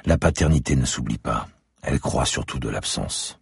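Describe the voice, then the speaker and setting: A man narrating a literary story in the first person with a measured, intimate delivery. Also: rumbling low, lively intonation, gravelly, breathy edge, dry recording, clean studio sound.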